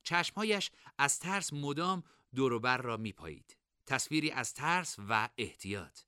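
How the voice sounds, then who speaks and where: Lively, bright-voiced male storyteller. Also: mid-range voice, smooth, dry recording, clean studio sound. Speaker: narrator. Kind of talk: scripted story narration.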